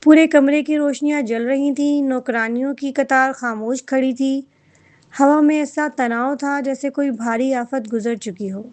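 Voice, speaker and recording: A woman reading a novel aloud as narrator, in a steady, dramatic storytelling manner. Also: high voice.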